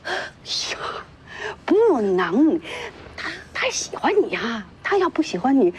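A woman's voice: on the high side, sing-song, a little hiss or hum. A fussing Northeastern mother. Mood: coaxing. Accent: Northeastern Chinese. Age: older. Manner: fussing, scolding, quick to soothe. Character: fussing older village mother, anxious, scolding. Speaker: mother of Bingkun. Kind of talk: TV drama acting.

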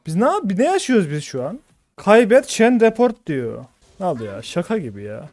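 A man's voice: high-pitched, sing-song, moderate pace, darkish tone, dry recording, faint music behind. A man streaming a game, ranting in exasperation and swearing as he reads out his teammates' chat. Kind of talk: live gaming commentary.

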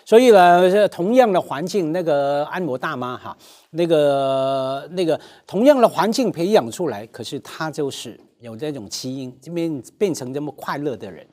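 A male guest on a roundtable talk show, his voice sitting a little high and moving expressively. He talks casually and reflectively, carefully qualifying what he says. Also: expressive, moderate pace, darkish tone.

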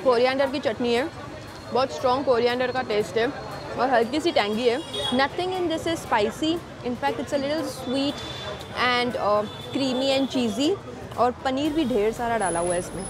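A young food vlogger reviews street food in a casual vlog, tasting on camera and chatting between bites in a mix of Hindi and English. Her high voice keeps a measured pace, picked up by a lapel mic in busy food shops with music in the background.

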